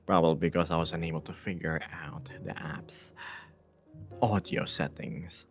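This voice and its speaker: Hosting a casual live stream, a man reads viewer messages aloud in a playful, laid-back way, mixing hushed asides with upbeat bursts. His voice is extremely low and steady in tone, at a moderate pace, with faint music behind him.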